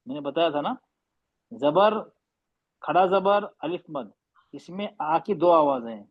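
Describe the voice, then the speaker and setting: A man teaches Quran recitation over a call, stretching sounds slowly as he corrects students. His voice sits slightly high. The audio is dull and lo-fi. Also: animated. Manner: patient, slow demonstrating drills. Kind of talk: online tajweed class correction.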